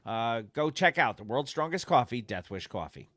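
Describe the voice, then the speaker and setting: A man's voice: medium pitch, sing-song, normal speed, a bit bright, no echo. A man co-hosting a podcast, chatting loosely, laughing and reading sponsor spots. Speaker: podcast co-host. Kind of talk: casual chat and sponsor reads.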